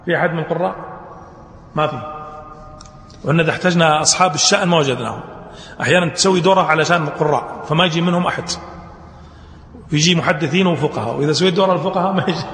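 A man's voice: fairly high pitch, very fast, pauses often, a bit bright, roomy sound, in a large hall. A male teacher giving a classroom lecture, asking his students questions and answering them himself, mixing colloquial and formal speech. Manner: colloquial Gulf Arabic mixed with formal speech.

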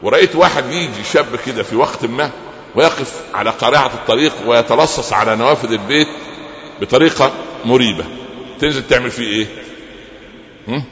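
Fast-talking Egyptian preacher in an echoey hall. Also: male voice, medium pitch. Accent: Egyptian Arabic. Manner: lively storytelling with rhetorical questions and humorous asides. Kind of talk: sermon lecture. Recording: echoey hall, lo-fi with faint noise.

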